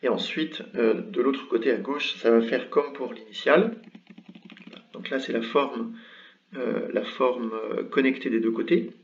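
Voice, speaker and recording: Man, mid-pitched, patient teacher walking through a lesson with lots of "euh", slightly dull lo-fi sound. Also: a little slow, distant mic. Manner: patient, explains step by step with many fillers. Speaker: Arabic script teacher. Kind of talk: online language lesson.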